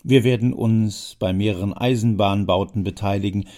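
A man voicing a talkative, scheming old uncle who speaks in smooth, self-important phrases. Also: fairly low pitch, steady tone, normal speed, warm tone, close to an everyday voice.

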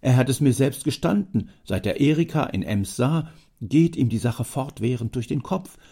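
A man voicing an excitable elderly factory owner who talks heartily and emphatically in a raised voice. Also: medium pitch, normal speed, gravelly, husky, pitched above the performer's own voice. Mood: emphatic.

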